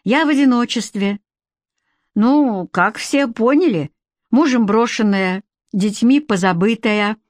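A woman voicing a brash, bossy middle-aged woman who talks loud, blunt and rough in a storybook reading. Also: a little high, takes it slowly, no room sound, clean studio sound. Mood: brisk.

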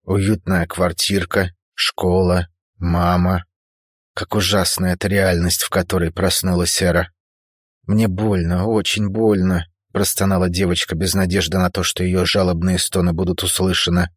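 A man reading a novel aloud in a very low, husky voice. His delivery is measured and dramatic. The recording is dry and close, with no room sound. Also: completely flat delivery, dry recording. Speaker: narrator. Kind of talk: scripted audiobook narration.

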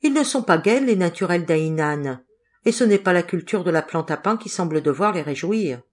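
A woman's voice: fairly low pitch, lively intonation, moderate pace, a little mellow. A woman reading the lines of an irritable, skeptical young man in an audiobook, with a dry, grumbling delivery.

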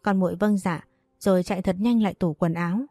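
A woman narrating an audio novel in an even storytelling manner. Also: lowish voice, a little fast, no room sound, soft background music.

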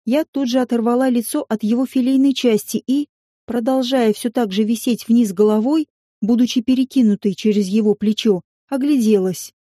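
A woman reads a first-person novel aloud with expressive, lively delivery. Her voice sits a little high but stays soft and mellow. The recording is dry and close. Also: moderate pace, dry recording. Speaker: audiobook narrator.

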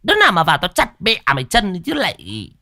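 A man voicing a crude, greedy middle-aged woman who speaks in a shrill, brash falsetto in a ghost story. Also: sing-song, measured pace, bright, forceful tone, no echo, clean studio sound, heavily acted. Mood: gloating.

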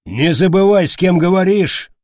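A man voicing a bossy, quick-tempered male red cap goblin leader who barks orders. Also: fairly high pitch, big pitch swings, no echo, clean studio sound. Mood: angry. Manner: barking, commanding.

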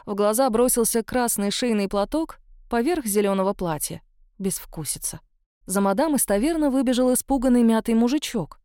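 A woman narrating a first-person novel in a steady, expressive audiobook reading. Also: a little high, normal speed, clear, resonant tone, no room sound, clean studio sound.

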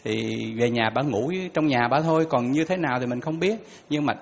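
A man's voice: mid-range voice, moderate pace, vocal fry. Hesitant man in an echoing hall. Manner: hesitant, apologetic, many fillers. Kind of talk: casual anecdote in a talk. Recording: reverberant hall with faint noise.

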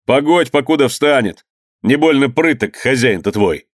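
A man's voice: medium pitch, expressive, moderate pace, no echo, studio quality, pitched above the performer's own voice, natural voice. A man voicing a sly merchant who talks in a mocking, teasing way. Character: mocking merchant brother-in-law, gruff, sly.

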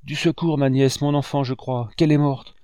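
A man playing a grief-stricken old painter in an audiobook tale, breaking into frantic, pleading outbursts above his usual low voice. Dry, close recording. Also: animated, fairly quick, a little mellow, no room sound, lightly acted.

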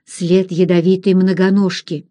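A woman reading aloud, voicing a gruff, blunt frontier hunter who talks in a low, plain manner. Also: level tone, unhurried, warm tone, close to an everyday voice.

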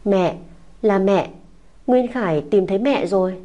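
A woman's voice: mid-range voice, a little slow, warm tone, lo-fi sound, natural voice. A woman voicing a small tearful boy who clings and pleads, in a sobbing, whiny child's voice. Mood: tearful pleading. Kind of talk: audiobook character voice.

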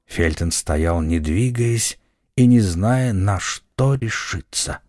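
A man narrating an adventure audiobook in a scripted, expressive, dramatic way. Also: fairly low pitch, slow, no room sound, clean studio sound.

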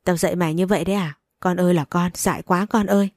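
A woman's voice: on the low side, fairly even intonation, fast talker, a little mellow, dry recording, clean studio sound, close to an everyday voice. A woman voicing a stern middle-aged mother who scolds and laments. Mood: scolding.

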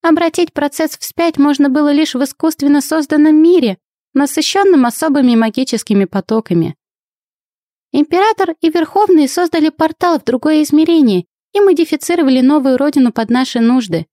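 A woman's voice: high-pitched, lively intonation, a little fast, dark tone, no echo, clean studio sound. A woman voicing an ancient female alien soul trapped in a guinea pig, telling her tale with sighs of world-weariness. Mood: grave. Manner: sighing, world-weary storyteller. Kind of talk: audiobook character voice.

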